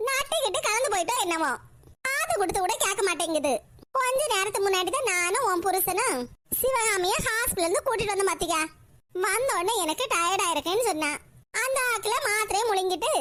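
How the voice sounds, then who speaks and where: Figure: a shrill gossipy old grandmother. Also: expressive, fairly quick, a bit bright, slight background noise. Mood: gossiping, scolding. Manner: scolding, mocking commentary. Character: gossipy sharp-tongued old village grandmother. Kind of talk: cartoon voice acting.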